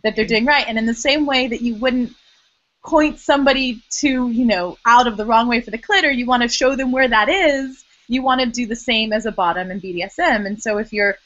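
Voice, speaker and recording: A woman's voice: a little high, fairly quick, fairly bright tone, no echo. A woman hosting an interview, chatting thoughtfully with a light laugh now and then. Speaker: host. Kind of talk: conversational interview. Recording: dry, dull lo-fi audio.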